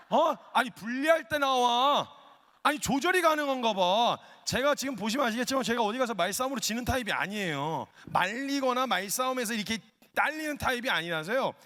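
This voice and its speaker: A male missionary preaching a humorous story-driven sermon, animated and acting out quotes, at a worship gathering. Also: high voice. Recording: long hall reverb.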